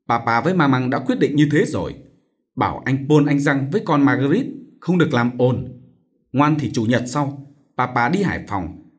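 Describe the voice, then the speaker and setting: A man's voice: medium pitch, lightly acted. A man voicing an irritable, self-important father who scolds his children. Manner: scolding, curt.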